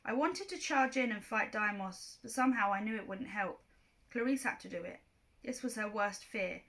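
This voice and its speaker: A woman teacher reads a novel aloud to her class, narrating with lively storytelling. Her voice is bright and clear. She lets the action scenes rise and fall as she goes. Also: mid-range voice, moderate pace.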